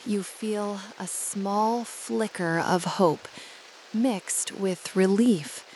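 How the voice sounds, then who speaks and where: In a low-quality recording, a woman with a medium-pitched, darkish voice guides a sleep visualization at a very unhurried pace. Each thought is phrased deliberately and soothingly, with a faint hiss of rain beneath her words.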